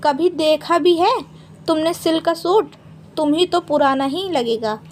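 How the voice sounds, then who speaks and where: A woman's voice: high voice, unhurried, a little hiss or hum. A woman voicing a greedy, haughty elder daughter-in-law who talks with scorn. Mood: scornful. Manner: scornful, roaring.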